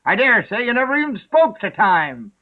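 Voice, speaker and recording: A man's voice: high-pitched, big pitch swings, moderate pace, pitched above the performer's own voice. A man voicing the Hatter, an eccentric, rude, riddling man, with an abrupt, theatrical delivery. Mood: excitable. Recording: narrow phone-like sound.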